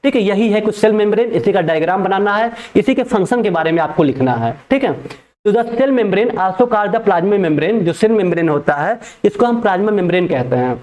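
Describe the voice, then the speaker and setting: Man, young adult, high voice, teacher, repeats each point twice, slow read-aloud. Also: expressive, darkish tone. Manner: repeats each point in Hindi and English, reads English lines slowly. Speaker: pharmacy teacher. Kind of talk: exam-prep lecture.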